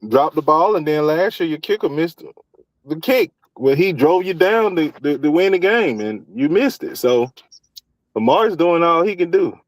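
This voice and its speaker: A man's voice: on the high side, lively intonation, normal speed, no echo, low-quality recording. A man from Georgia co-hosting a podcast, bantering playfully in casual chat. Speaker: podcast co-host.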